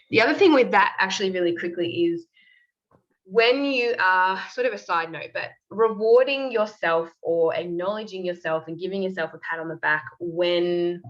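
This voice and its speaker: Woman host, deep voice, chatty motivational coach, filler-heavy, muffled online audio. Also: fairly bright tone. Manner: rambling, many fillers and self-corrections. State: clearing her throat. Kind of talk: casual motivational talk. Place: call or online meeting.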